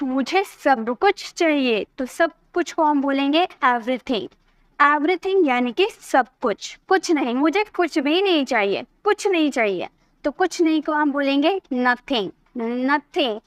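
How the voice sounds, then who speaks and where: Woman teacher, high voice, patient vocabulary explainer, dry close mic. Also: a bit bright, no room sound. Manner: patient, explains with everyday example sentences. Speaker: English teacher. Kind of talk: vocabulary lesson.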